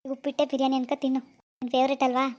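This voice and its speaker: A woman voicing an easygoing young village husband in a cartoon, talking fast and chatty. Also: high voice, completely flat delivery, darkish tone, close to an everyday voice. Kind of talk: cartoon voice acting.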